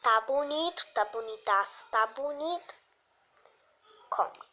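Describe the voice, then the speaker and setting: A slightly high-voiced woman with a Brazilian accent talks her way through a video game in an unhurried, easy drawl. Her commentary wanders between quiet muttering and sudden squealing excitement. A faint hiss of noise sits under the recording. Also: low-quality recording. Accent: Brazilian Portuguese. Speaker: gaming video host. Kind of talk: casual gameplay commentary.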